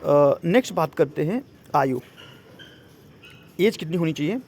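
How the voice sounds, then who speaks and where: A man who coaches for exams gives a relaxed rundown of a job notice at a measured pace. His fairly high voice is animated and a bit mellow, and he often checks understanding while slipping in English words.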